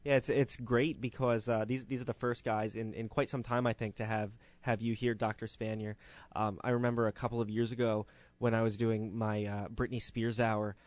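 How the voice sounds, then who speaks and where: A man's voice: fairly low pitch, little pitch movement, normal speed, few pauses, no room sound. A young man co-hosting a student morning radio show, joking and asking playful teasing questions. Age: young adult. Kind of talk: casual morning radio banter. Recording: muffled lo-fi studio mic.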